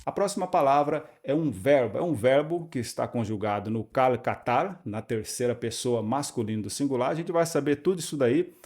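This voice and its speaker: Man, patient teacher, methodical explanations, medium pitch. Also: darkish tone. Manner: patient and methodical, spelling out syllables slowly. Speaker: Biblical Hebrew teacher. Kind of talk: explanatory video lesson.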